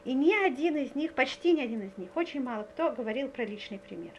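A woman's voice: high-pitched, lively intonation, fast, dull audio, a little hiss or hum. A woman giving a spiritual lecture full of stories. She speaks earnestly, often checks whether her listeners follow, and hesitates with many filler sounds. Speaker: religious lecturer.

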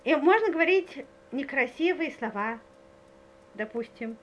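Speaking a little slowly in a high, expressive voice, a woman religious lecturer delivers a spiritual talk packed with stories. She sounds earnest, keeps checking whether her audience is following, and fills her hesitations with lots of filler sounds.

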